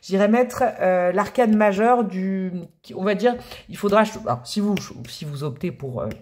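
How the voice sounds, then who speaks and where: A tarot reader with a mid-range, darkish voice at normal speed gives her viewers a casual reading. Chatty and affectionate, she calls them pet names and enthusiastically exclaims and gushes over the cards.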